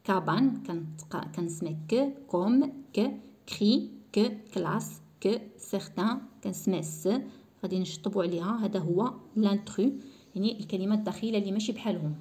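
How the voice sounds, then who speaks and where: A woman with a Moroccan accent explains a French spelling lesson for schoolchildren and says French words slowly and clearly. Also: mid-range voice, dark tone. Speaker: primary school French teacher.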